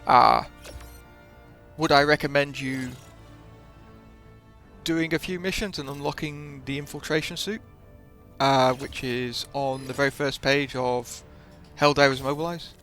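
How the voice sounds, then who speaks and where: Gravelly man talking through gameplay. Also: mid-range voice, steady tone, unhurried, fairly bright tone, faint music behind. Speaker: gaming video host. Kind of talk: casual gameplay commentary.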